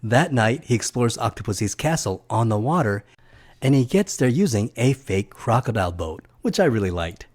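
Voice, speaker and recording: A middle-aged man talks through a film's plot at a mid pitch, with an eager, chatty manner. He drops personal asides between the story beats and sounds like he is reading a script he wrote himself. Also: sing-song, moderate pace. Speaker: film reviewer. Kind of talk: scripted film recap narration.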